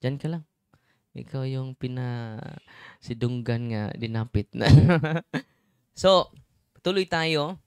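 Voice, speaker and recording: A man's voice: medium pitch, slow, pauses often, darkish tone, clean tone, no room sound, clean studio sound. A middle-aged man, a priest and exorcist, giving a chatty sermon and often checking in with his listeners. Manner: chatty, keeps checking in with the congregation. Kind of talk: conversational sermon.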